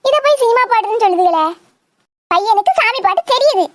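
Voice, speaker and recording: A voice actor doing a squeaky fussing cartoon mother. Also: lively intonation, fairly quick, no echo. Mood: scolding. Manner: scolding, exasperated nagging. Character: scolding doting mother, fussy and dramatic. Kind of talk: Tamil cartoon comedy voice acting.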